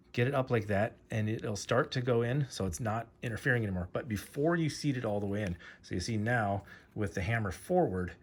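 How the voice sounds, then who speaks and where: A man with a fairly low voice talks through a hands-on repair, pausing and restarting as he works. The delivery is casual and plain. Faint noise and soft mechanical clicks sit behind him. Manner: halting, many fillers and restarts, talks while working. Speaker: host demonstrating pistol disassembly.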